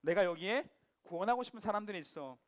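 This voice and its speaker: A man voicing God as a gentle, fatherly figure who pleads with Jonah in soft questions. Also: high-pitched, a little fast, clear, resonant tone. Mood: pleading, tender.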